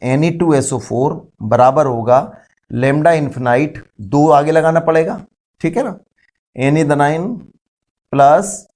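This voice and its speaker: A man's voice: a little high, slow pace, a little mellow. A man teaching a chemistry lesson, explaining step by step, asking the class questions and calling his students "beta". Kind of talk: classroom lecture.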